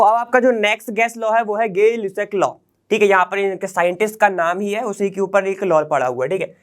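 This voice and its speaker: A man teaching a chemistry lecture for exam prep. He talks casually, mixes in English science terms, and keeps asking rhetorical questions and checking that students follow. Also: sits high. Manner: conversational, peppers with rhetorical questions and "okay?" checks.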